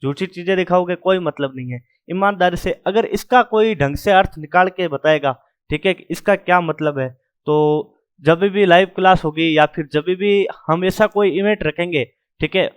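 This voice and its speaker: Man, high-pitched, grammar teacher, classroom lecture, repeats sounds aloud, frequent check-ins. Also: clean tone. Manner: drills sounds aloud, repeats "ठीक है" often.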